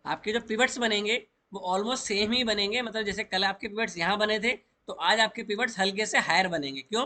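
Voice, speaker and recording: Bright-voiced man teaching chart trading. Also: high voice. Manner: explains step by step, mixing English trading terms into Hindi. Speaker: stock market trading educator. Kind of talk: chart walkthrough lesson.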